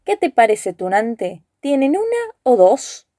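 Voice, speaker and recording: A man's voice: very high-pitched, huge pitch swings, slow pace, mellow, dry recording, studio quality, full character voice. A woman voicing an angry, stern nobleman who speaks in a commanding, threatening way. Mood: mocking.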